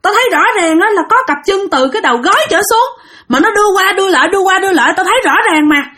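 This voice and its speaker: A woman's voice: expressive, rapid-fire, bright, forceful tone, exaggerated voice. A woman voicing a frightened man who insists he saw legs dangling from the rafters. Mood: panicked insistent. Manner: shrill, insistent, frantic.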